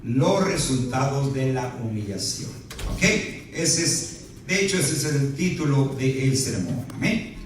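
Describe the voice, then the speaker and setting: Heard from a distance in a very echoey church sanctuary, this pastor has a mid-range, animated voice and takes his time. He peppers his sermon with questioning "¿verdad?" asides and playful jokes, over slight background noise.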